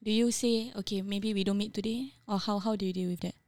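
A woman's voice: medium pitch, steady tone, quick pace, a little mellow, dry recording. A young adult woman with a Singaporean accent, chatting casually in Singlish mixed with Malay words. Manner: Singlish with Malay code-switching. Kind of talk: casual chat.

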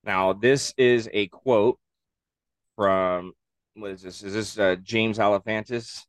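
A man's voice: fairly low pitch, fairly even intonation, slow, no echo. An easygoing man from Southern California co-hosting a podcast, chatting casually with slang and swearing. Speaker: podcast co-host. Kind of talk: casual chat.

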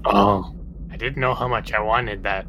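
A man's voice: lowish voice, fairly even intonation, moderate pace, pushed and bright, a little hiss or hum. A man chatting casually as a player in a tabletop role-playing game.

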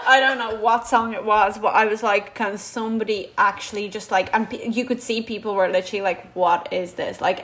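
A woman in her twenties with a Dublin Irish accent, telling a story in casual chat and acting out what people said in lively bursts. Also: medium pitch. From Dublin, Ireland. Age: 20s. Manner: animated, quotes others in lively bursts.

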